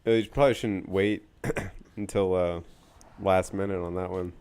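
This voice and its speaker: A man's voice: sits low, steady tone, moderate pace, a little mellow, smooth. A man co-hosting a casual podcast chat, blunt and crude with lots of swearing. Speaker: podcast co-host.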